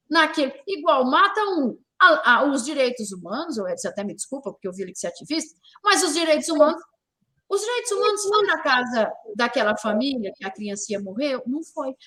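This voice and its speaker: Emphatic high-voiced Brazilian woman. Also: sharp tone. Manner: emphatic, repeats key words, rhetorical questions. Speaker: talk show host. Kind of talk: opinionated talk show discussion.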